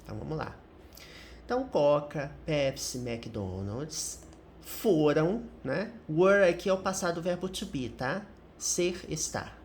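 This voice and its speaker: A woman's voice: deep voice, animated, takes it slowly, darkish tone, slight background noise. A middle-aged woman with a Brazilian Portuguese accent teaching English through a commented reading, explaining each point and often ending with a tag question.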